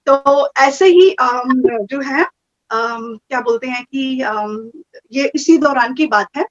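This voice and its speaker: A woman telling a personal story in a casual, animated way, slipping English phrases into her talk. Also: high-pitched, takes it slowly. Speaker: guest sharing experiences. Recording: muffled, dull audio.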